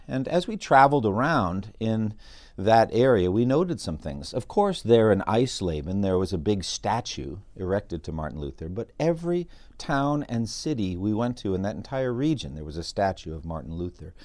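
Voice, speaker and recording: A man's voice: fairly low pitch, sing-song, moderate pace, dry recording. A middle-aged man hosting a solo podcast on church history, talking in an earnest, preacherly way and lifting his voice for dramatic readings. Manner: earnest, preacherly, reads quoted passages with dramatic lift. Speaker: podcast host.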